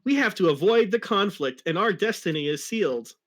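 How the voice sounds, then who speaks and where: A man voicing an excitable, earnest teenage cartoon hedgehog in a dramatic story reading. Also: high voice, a little fast, voice pushed up. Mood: excited.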